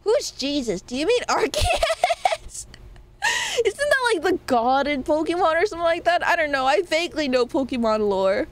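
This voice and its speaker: Here the VTuber streamer, a young woman, sounds high and nasal, her pitch swinging widely. She rambles playfully to her viewers in a relaxed way, laughing quickly and swearing now and then.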